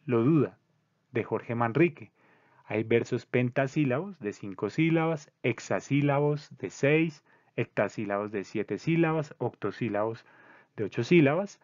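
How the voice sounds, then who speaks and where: Man with a measured, teacher-like delivery. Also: mid-range voice, no echo, dull audio. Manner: measured and didactic, spelling out syllables, with occasional slips and restarts. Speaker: presenter of a literary discussion circle. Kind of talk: explanatory talk on poetry, reading definitions and examples.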